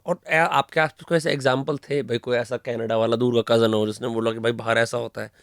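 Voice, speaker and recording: A man's voice: mid-range voice, fairly even intonation, fairly quick, vocal fry, clear, resonant tone, no echo, clean studio sound. A man from India with an Indian accent, hosting a podcast in casual chat, prompting his guest with friendly questions. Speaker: podcast host.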